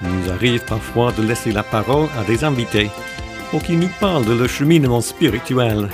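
A man hosting a Bible reflection show, reading his scripted narration in a measured, composed way. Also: medium pitch, animated, over music. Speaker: radio show host.

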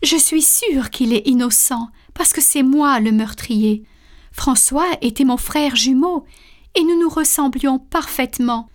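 A woman's voice: high-pitched, unhurried. A woman voicing a young man confessing a crime in a storybook reading, earnest and direct. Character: young man, guilty twin brother, pleading.

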